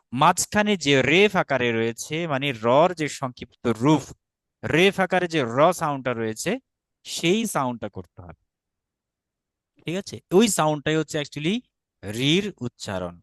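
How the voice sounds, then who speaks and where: A man's voice: on the high side, a bit bright, dry recording. A man with a Bangladeshi Bengali accent teaching an online Sanskrit class, patient and often checking that students follow.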